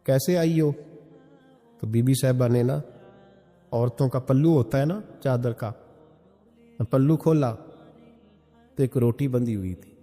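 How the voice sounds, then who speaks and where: A man's voice: mid-range voice, pauses often, warm tone. A man delivering a sermon as a religious preacher, pressing his listeners with pointed rhetorical questions. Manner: emphatic, fires rhetorical questions at the crowd. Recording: long hall reverb with faint music.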